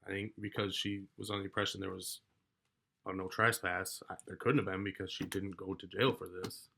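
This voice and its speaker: A man telling a story from his own life in a casual, rambling way, swearing often and getting loud as he relives an argument. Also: deep voice, flat delivery, a little fast, creaky, husky. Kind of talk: casual personal account.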